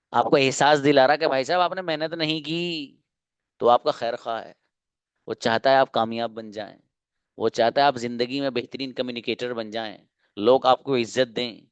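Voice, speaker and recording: A man's voice: mid-range voice, smooth, muffled recording. A man teaching English in an online class, giving students sentences to translate and scolding them firmly to work harder. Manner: firm, scolding then encouraging. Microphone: video call.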